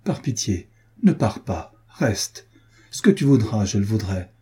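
A man voicing a jealous, passionate noblewoman in an audiobook reading, raising his pitch as she pleads and rages. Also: big pitch swings, unhurried, dark tone, husky, exaggerated voice. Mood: pleading. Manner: pleading then bitter, vengeful. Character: jealous, passionate noblewoman scorned by her lover.

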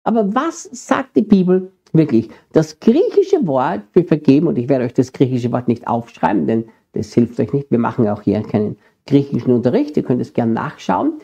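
A man's voice: medium pitch, big pitch swings, normal speed, creaky, warm tone, husky. A middle-aged man with an Austrian accent preaching a sermon, earnestly addressing his congregation. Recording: dull lo-fi sermon recording.

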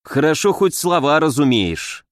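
A man voicing a cryptic old hermit sage who speaks slowly in a resonant voice. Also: a little high, sing-song, no room sound, studio quality. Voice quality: resonant, slow and measured.

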